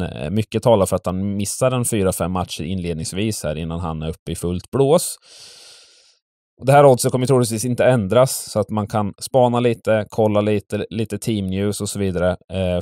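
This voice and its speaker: Low, mellow-voiced man giving betting tips. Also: no room sound, studio quality. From Sweden. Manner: hesitant, many fillers and restarts. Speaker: betting tipster host. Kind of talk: casual sports betting talk.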